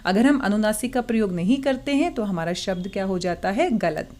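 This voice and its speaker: A woman teaching a Hindi worksheet lesson to children, reading words slowly and carefully, asking questions and answering them herself. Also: mid-range voice, lively intonation, a little mellow. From India. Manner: slow, careful reading aloud of words and passages; addresses pupils kindly, asking and answering own questions.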